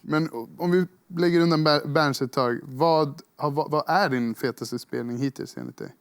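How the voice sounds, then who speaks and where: A man's voice: on the high side, big pitch swings, gravelly, smooth, dry recording. A man hosting a talk show, asking questions and giving short encouraging replies. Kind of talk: casual chat.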